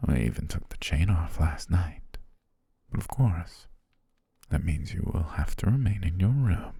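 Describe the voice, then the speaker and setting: Close on a dry studio microphone with no echo, an ASMR roleplay voice actor heavily acts an obsessive, doting butler who is also a softly menacing captor-fiancé. Calm and controlling, he coaxes tenderly, leaving lingering pauses. His voice is dark, deep, breathy, husky and gravelly, frequently dropping almost to a whisper.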